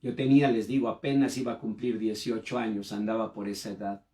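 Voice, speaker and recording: A man preaching a sermon, telling a personal story with emotion and sudden rises in pitch and volume. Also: little pitch movement, fairly quick, mellow. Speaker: pastor.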